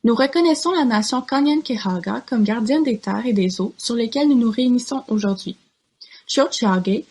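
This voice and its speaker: A woman giving a formal, measured scripted reading. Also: fairly high pitch, a little mellow, slightly rough.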